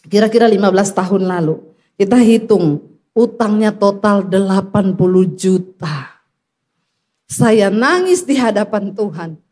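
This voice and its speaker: A middle-aged woman pastor, preaching a sermon with emotional storytelling that rises to a high pitch. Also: a little mellow.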